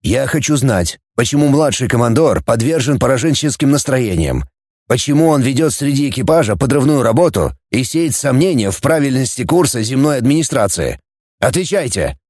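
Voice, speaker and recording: A man's voice: mid-range voice, very animated, normal speed, darkish tone, dry recording, clean studio sound. A man voicing a wiry, irritable elderly starship captain who barks and sneers at a junior officer. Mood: angry. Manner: barking, sneering, then weary.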